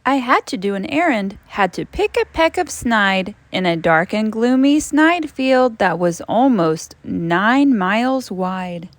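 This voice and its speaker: Animated woman reading a children's story aloud. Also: mid-range voice, no echo. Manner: dramatic, drawn-out emphasis with big swoops for suspense. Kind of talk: expressive children's read-aloud.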